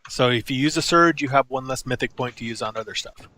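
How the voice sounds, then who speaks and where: A man's voice: medium pitch, quick pace, bright, forceful tone. A man running a tabletop game over voice chat, easygoing and hesitant, with lots of fillers and laughter. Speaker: game master.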